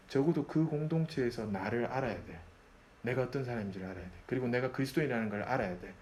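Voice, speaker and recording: Animated male lecturer. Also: medium pitch, slight background noise. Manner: acts out quoted voices, swings between loud and soft. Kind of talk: lively sermon-like lecture.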